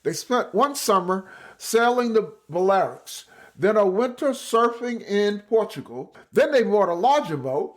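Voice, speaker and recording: A man's voice: high voice, very animated, a little slow, hardly any pauses. A man hosting a podcast, reading an enthusiastic introduction and then asking questions with some hesitation. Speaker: podcast host. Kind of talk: podcast interview. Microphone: remote call setup.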